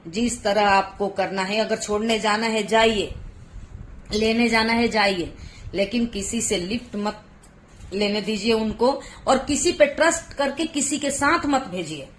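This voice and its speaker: A woman's voice: mid-range voice, a little hiss or hum. A woman in her thirties, a mother vlogging from home, talking earnestly and emotionally as she pleads with other parents. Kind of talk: heartfelt personal vlog advice. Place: home, Gujarat.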